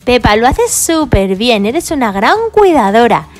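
A woman's voice: on the high side, very animated, unhurried. A woman presenting toys and explaining them cheerfully to children. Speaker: toy video presenter. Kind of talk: toy play and review for children.

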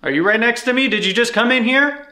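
A young man on a ghost hunt, calmly and politely reassuring the spirits that he means no harm. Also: very high-pitched, quick pace. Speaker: paranormal investigator. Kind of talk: ghost-hunting vlog. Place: inside an old, reputedly haunted building. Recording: echoey indoor room.

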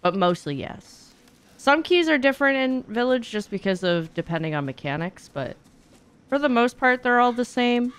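Fairly high-pitched and animated, a young woman talks at a normal speed with a clean tone while playing on stream. This speedrunner and streamer thinks out loud into a close microphone in her small home streaming room, swearing freely and speaking candidly.

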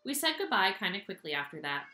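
A woman reading a children's novel aloud with expressive, animated storytelling, recorded in an echoey room. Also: mid-range voice, quick pace. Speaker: audiobook reader.

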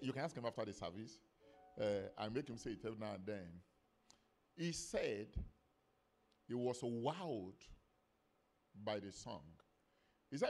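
A middle-aged man preaching a sermon in a church, swinging between quiet storytelling and emphatic scripture reading. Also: mid-range voice. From Nigeria. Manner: laughs between stories. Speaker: pastor.

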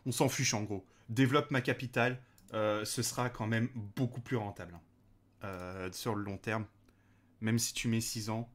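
A man's voice: fairly low pitch, steady tone, moderate pace. A man hosting a let's play, chatting casually with lots of hesitations and fillers and addressing the game's characters directly. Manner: hesitant, many fillers, talks to game characters. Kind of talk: casual gameplay commentary.

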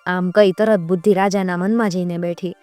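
A woman narrates a folk tale in a measured, rhythmic cadence. Her voice is smooth and mid-pitched, recorded close and dry with soft music beneath. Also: steady tone, no room sound. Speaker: storyteller.

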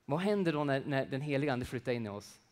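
A middle-aged man preaching a sermon, swinging from loud emphatic peaks to hushed, near-whispered passages, with casual asides and everyday examples. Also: mid-range voice, animated.

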